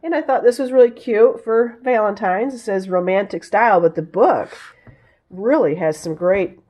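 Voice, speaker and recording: A woman with a raspy, hoarse voice from a head cold, chatting casually as she shows off her thrift finds, often pausing to search for words. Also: mid-range voice, darkish tone. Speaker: vlogger showing thrift finds. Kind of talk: casual haul show-and-tell.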